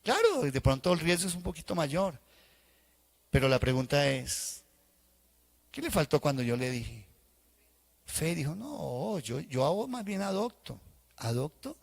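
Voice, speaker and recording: A man's voice: on the high side, measured pace, gravelly, long pauses. A male pastor preaching a sermon in a church, acting out the voices of people he quotes. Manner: animated, acts out congregants' voices in quotes.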